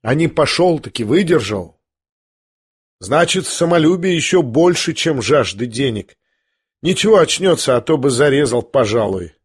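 A man's voice: medium pitch, expressive, moderate pace, breathy edge. A man reading an audiobook voices a proud, reckless young woman who gives orders and defies everyone. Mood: imperious. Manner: imperious, defiant.

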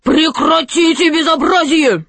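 Woman reader doing a bossy storybook king, high raised voice, loud barked commands, dry close sound. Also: lively intonation, unhurried, creaky, dry recording, heavily acted. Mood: barking orders. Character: angry shouting fairy-tale king. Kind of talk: audiobook character voice.

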